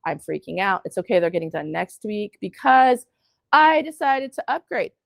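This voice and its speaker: A middle-aged woman gives a classroom workshop talk with a strongly gravelly, creaky voice. The sound is dry and close. She tells lively stories, acts out what people said, and throws questions to her listeners. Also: medium pitch, moderate pace, dry recording. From United States. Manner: lively storytelling, quotes people in put-on voices, asks the audience questions. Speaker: workshop presenter.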